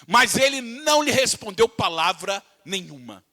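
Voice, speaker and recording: A Brazilian pastor with a high voice preaches with passion. He often speaks to his listeners as dear ones. His tone is bright and forceful. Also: big pitch swings, normal speed. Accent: Brazilian Portuguese. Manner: impassioned preaching, calls listeners "querido", acts out voices from the text. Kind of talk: sermon.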